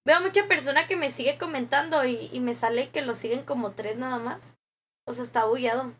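Young Mexican woman, high voice, casual streamer chatting into a desk mic, reads comments aloud, laughs easily. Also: a little fast, slightly rough. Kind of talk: casual live-stream chat with viewers. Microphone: desk microphone.

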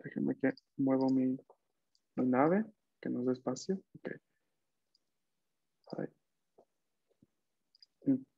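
A man's voice: mid-range voice, takes it slowly, creaky, long pauses, slightly rough, dry recording, highs cut off. A man teaching a Japanese class online, patiently counting out strokes as he writes.

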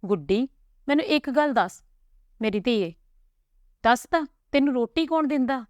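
A woman reading the part of a gentle older father who comforts his daughters in a tender, reassuring way. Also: sits high, lively intonation, normal speed, no room sound, lo-fi sound, voice pushed up. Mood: coaxing.

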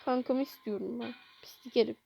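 A woman's voice: fairly high pitch, steady tone, brisk, gravelly, dark tone, slight background noise, low-quality recording. A young woman commentating her gameplay, frustrated, swearing and pleading with the game to give her what she wants. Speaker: gamer.

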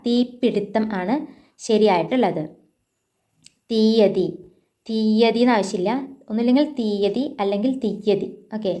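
A woman with a Malayali accent gives an exam-prep language lesson at a mid-pitched, ordinary level. She goes through word corrections, repeating each word slowly and adding casual asides to viewers. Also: mellow. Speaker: teacher.

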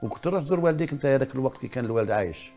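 A man's voice: mid-range voice, lively intonation, racing, warm tone, soft background music. An older man with an Algerian accent hosting a studio talk show, asking insistent, probing questions and often repeating them.

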